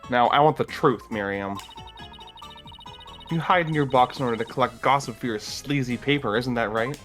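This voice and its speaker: A man's voice: mid-range voice, moderate pace, fairly bright tone, natural voice. An earnest defense lawyer from a video game , acted by a man, presses with pointed, indignant questions. Faint music plays behind him. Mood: accusing. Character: earnest, accusing defense lawyer confronting a gossip reporter. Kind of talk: fan read-through of a video game.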